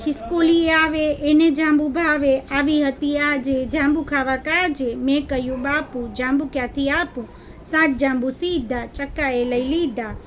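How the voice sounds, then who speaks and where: A woman voicing a gentle female jamun tree in a children's story, lamenting in a slow sing-song. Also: extremely high pitch, animated, a little hiss or hum, voice pushed up. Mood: tearful.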